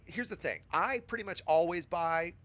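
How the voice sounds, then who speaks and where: A man with a high, fairly bright voice, scratchy from a cold, leads a new player through game setup one step at a time at normal speed. It's a casual tutorial, and he talks to viewers as a patient, chatty instructor.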